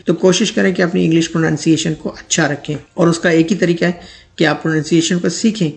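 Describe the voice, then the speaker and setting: A man teaching English pronunciation in a lesson, speaking, who repeats each word slowly and then reads out an example sentence. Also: on the high side, vocal fry.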